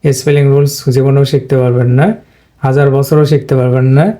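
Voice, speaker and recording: A man gives a plain, repetitive lesson on English pronunciation, going point by point. His voice is dark and mellow, with very little rise and fall, and he clears his throat now and then. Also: medium pitch, little pitch movement, a little fast. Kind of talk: whiteboard lesson explanation.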